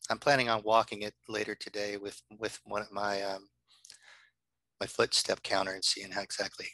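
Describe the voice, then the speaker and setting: Male librarian, lecture over a video call, bright tone, dry close sound. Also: on the low side, monotone, normal speed, dry recording, low-quality recording. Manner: friendly, chatty, many ums and uhs. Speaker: librarian presenting a workshop. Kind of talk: online workshop presentation. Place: home office.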